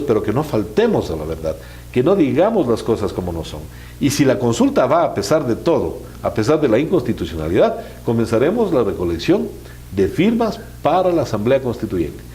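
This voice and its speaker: Male political guest, mellow but animated delivery, slight hum. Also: mid-range voice. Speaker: political activist, interview guest. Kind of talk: political interview answer.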